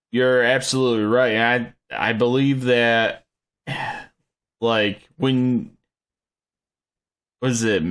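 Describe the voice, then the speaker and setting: A man's voice: medium pitch, fairly bright tone. A man hosting a podcast, asking his questions hesitantly with many fillers in a casual chat. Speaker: podcast host. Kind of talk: casual conversational interview.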